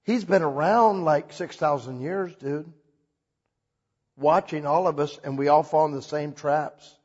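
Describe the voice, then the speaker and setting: A man preaching a sermon in a church hall, animated and casual, mixing jokes into his message. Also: fairly high pitch, measured pace, muffled recording. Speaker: pastor.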